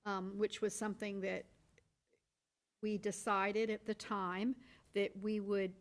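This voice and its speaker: A woman speaking as a school board member in a meeting room. Her pitch sits in the middle and her delivery is deliberate. She walks through her reasoning with one hypothetical example after another and often restarts her sentences. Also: little pitch movement. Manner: explains with step-by-step hypotheticals, frequent restarts. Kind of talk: deliberating at a public board workshop.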